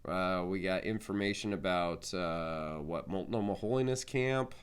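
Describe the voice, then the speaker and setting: A middle-aged man with a low, smooth and resonant voice. He talks in a loose, rambling way, full of ums and restarts, like a pastor giving a casual update to his church. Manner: rambling, halting with many fillers. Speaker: pastor, conference leader.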